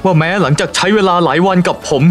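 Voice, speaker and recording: A man's voice: sits high, fast, fairly bright tone, faint music behind. An actor playing a persistent male con man who poses as a prince, in a dubbed drama. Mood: pressing. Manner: persistent, challenging, pleading.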